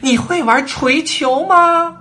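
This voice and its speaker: A man's voice: a little high, big pitch swings, drawn-out words, bright, forceful tone, pitched above the performer's own voice, heavily acted. A man voicing the Queen of Hearts, a furious playing-card queen who shrieks and bellows orders in a storybook reading. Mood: furious shrieking. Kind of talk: storybook voice acting.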